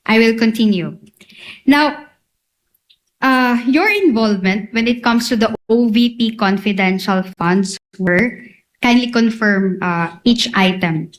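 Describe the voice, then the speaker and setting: A woman's voice: a little high, unhurried, poor audio. A woman with a Filipino accent speaking as a lawyer in formal cross-examination, putting leading questions methodically, item by item.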